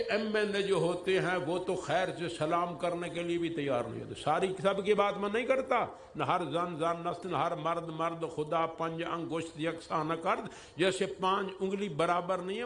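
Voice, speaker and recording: A man preaching a dramatic storytelling sermon at a religious gathering. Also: a little high. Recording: echoey hall with faint noise.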